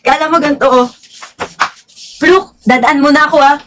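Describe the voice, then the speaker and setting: High-pitched gushing young woman. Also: slight background noise. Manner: animated, gushing, drawn-out exclamations and giggles. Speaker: vlogger. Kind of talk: casual storytelling chat.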